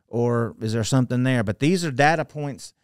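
This middle-aged man is a podcast guest recounting a story from a book-filled study, his voice picked up by a studio microphone on a boom. He talks at a normal pace with animated gestures, frequent restarts, and quiet drop-offs as each phrase ends. The recording has a clean tone, no echo, and clean studio quality.

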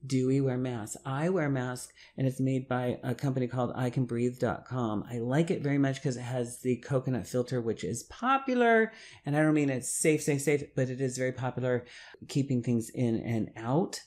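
A man's voice: mid-range voice, moderate pace, darkish tone. A middle-aged man, a hairdresser, giving advice to camera while seated in a small room, stressing points by repeating words and gesturing as he talks. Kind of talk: talking-head advice video.

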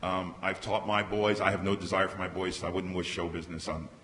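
Middle-aged male panelist, lowish voice, anecdotal storyteller, stand mic in an echoing hall. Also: level tone, fairly quick, fairly bright tone. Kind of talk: conference panel discussion. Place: large conference hall stage. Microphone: microphone on a table stand. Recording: reverberant hall, faint background hiss.

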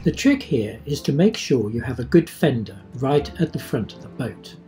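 A middle-aged man narrating a sailing lesson and travel vlog in a clear, instructive way. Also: medium pitch, sing-song, normal speed, warm tone, soft background music. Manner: explanatory, instructive. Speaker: sailing vlogger.

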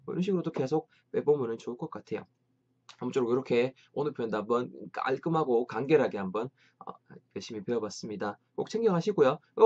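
A man teaching an English lesson, lively, drilling phrases slowly and repeatedly. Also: medium pitch, lo-fi sound.

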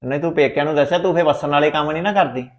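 A woman's voice: sits low, very fast, natural voice. A woman playing a domineering husband with a Punjabi accent, scolding his wife. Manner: scolding, threatening. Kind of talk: family drama acting.

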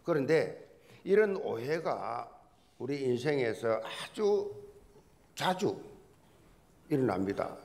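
Gravelly, lively-voiced male pastor preaching. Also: a little high. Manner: folksy, joking storyteller; repeats key words for emphasis. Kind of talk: sermon.

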